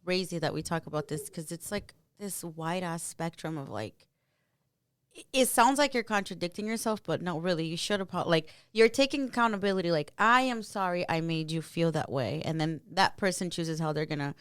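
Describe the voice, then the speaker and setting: A woman's voice: fairly low pitch, expressive, a little fast, smooth, no room sound, clean studio sound. A woman co-hosting a casual podcast chat, speaking candidly and confidingly with a lot of "like". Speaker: podcast co-host.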